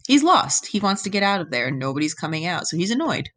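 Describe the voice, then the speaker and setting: A woman teaching a recorded lesson, reading a myth aloud and explaining it step by step. She keeps checking in with her students and gives the quoted lines an animated voice. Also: on the low side, fast talker.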